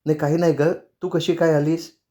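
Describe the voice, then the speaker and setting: A man voicing a patient older mother who speaks softly to calm a family quarrel. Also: a little high, a little fast, voice pushed up, natural voice. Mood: weary. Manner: soft, placating.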